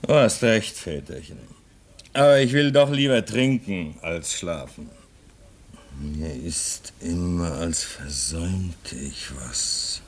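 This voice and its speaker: A radio drama actor performs in the style of a 1950s German radio play, playing a weary, homesick man stranded at a polar station. His low, husky voice is expressive and fully in character, delivered slowly and drawn out in a brooding, bitter way.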